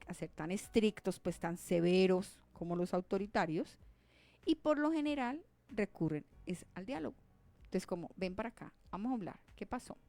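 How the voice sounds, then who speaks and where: Emphatic woman psychologist explaining parenting. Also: fairly low pitch. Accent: Colombian. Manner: explanatory, repeats "¿vale?" to check in with listeners; emphatic, repeats words for stress. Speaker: clinical psychologist. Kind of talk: parenting talk on an online show.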